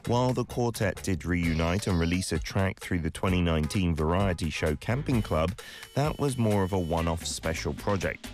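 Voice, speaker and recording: A Korean-speaking radio host with a low-pitched, lively voice reads entertainment news from a script at normal speed. Between items he slips into easygoing on-air chat full of fillers, with faint music behind him.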